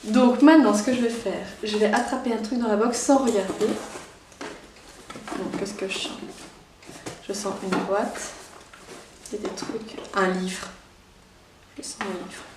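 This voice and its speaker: A young Belgian woman with a Belgian French accent, chatting excitedly through a casual unboxing vlog. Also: mid-range voice, measured pace, long pauses, far from the mic, noisy background. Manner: chatty and excitable, many fillers. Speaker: YouTuber. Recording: echoey room, voice somewhat off-mic.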